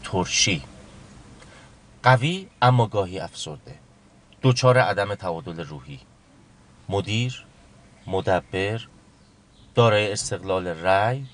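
A man in a comedy sketch slowly reading out personality traits one by one, in a deliberate way. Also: on the low side.

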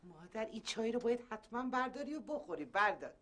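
Insistent hostess, lively voice, hospitable, TV comedy. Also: female voice, fairly high pitch.

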